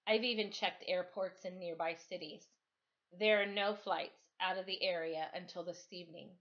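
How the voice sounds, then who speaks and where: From the couch in her living room, a middle-aged woman teacher does a storytime reading of a novel and afterwards speaks informally to her pupils. Her voice sits lowish with a fairly bright tone, recorded through a dull, lo-fi webcam.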